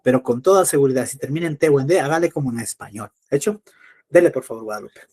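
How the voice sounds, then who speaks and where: A man teaching an English class in Spanish, patiently repeating words slowly to drill pronunciation. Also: mid-range voice, expressive, darkish tone, breathy edge.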